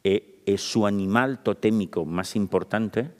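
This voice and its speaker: Male psychologist with a Spain Spanish accent, low voice, casual and conversational, speaking to a live audience in a reverberant hall. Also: measured pace, a little mellow. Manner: informal, chatty, addresses the audience directly with frequent tag questions. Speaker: psychologist giving a public talk. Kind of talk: lively public talk. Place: municipal event hall.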